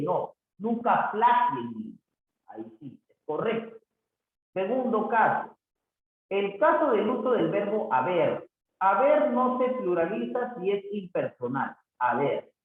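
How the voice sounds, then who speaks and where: A male teacher explaining grammar rules with examples, often checking with his students. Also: sits high. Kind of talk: grammar lesson. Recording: tinny phone-like audio, very echoey room.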